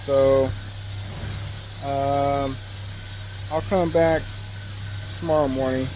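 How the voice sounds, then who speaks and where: Young male hobby mechanic, unhurried rambling commentary full of ums, outdoors by a truck, noisy camera audio. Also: medium pitch, fairly even intonation. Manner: rambling, full of fillers and restarts. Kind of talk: casual work-along commentary. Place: outdoors in a driveway beside a truck.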